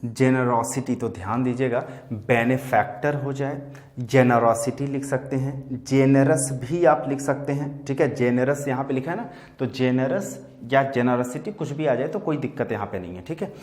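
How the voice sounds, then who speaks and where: Male vocab teacher, exam-prep lesson, Hindi-English mix, talks to students as kids, average pitch, echoey room. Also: normal speed, a little mellow. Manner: explains words in Hindi mixed with English, calls listeners "bachche"; keeps checking in with "theek hai?".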